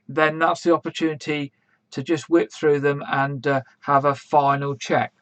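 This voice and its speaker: A man hosting a quiz on a church live stream, reading each question slowly and spelling out tricky names. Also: fairly high pitch, a bit bright, no room sound. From England. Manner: slow, measured, spells out names. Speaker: quiz host.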